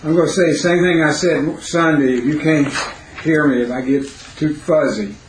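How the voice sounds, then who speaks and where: A man with a raspy, hoarse voice on the high side teaches a Bible class indoors, halting and questioning as he stops to quiz his students. A recorder placed near him captures a roomy classroom sound with faint noise.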